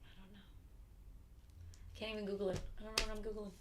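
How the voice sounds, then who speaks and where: A young woman from Philadelphia chats as a podcast guest. She rambles animatedly, full of fillers and restarts, in a medium-pitched voice. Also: little pitch movement, fast talker, very noisy. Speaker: podcast guest, actor and writer. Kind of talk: casual conversation.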